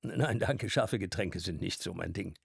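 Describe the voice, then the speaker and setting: A reserved younger writer, courteous and a little stiff, as a male narrator plays him. He sits just above the reader's own low, gravelly voice, and he is heard close and dry. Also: unhurried, no room sound, heavily acted. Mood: polite.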